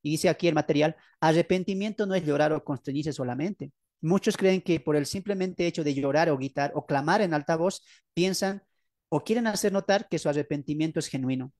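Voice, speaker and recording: Speaking fairly quickly in a higher, slightly mellow voice, a man preaches from his book as a pastor. He keeps asking the audience rhetorical questions and repeats important phrases, recorded cleanly in a studio with no room sound.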